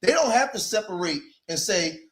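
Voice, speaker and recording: A man's voice: high voice, expressive, moderate pace, fairly bright tone. A man in his forties with an East Coast accent hosting a casual commentary livestream. He talks straight to his viewers and repeats phrases to drive his points home. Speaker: livestream host. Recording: echoey room.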